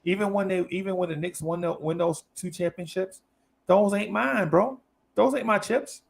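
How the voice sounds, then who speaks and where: A man's voice: sits high, normal speed, vocal fry. A middle-aged man in a casual podcast chat, talking emphatically and teasing the others. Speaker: podcast panelist.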